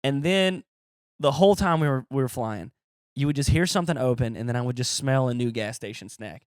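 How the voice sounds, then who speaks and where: A man's voice: mid-range voice, brisk, smooth, no room sound, clean studio sound. A man from Appalachia, a stand-up comedian hosting a podcast, telling crude rambling stories with a laugh in his voice. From Appalachia, USA. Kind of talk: casual comedy podcast chat.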